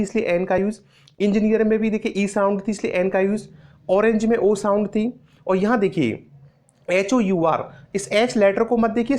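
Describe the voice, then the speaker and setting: A woman teaching an English grammar lesson in Hindi, patiently repeating each example phrase slowly. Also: mid-range voice, darkish tone.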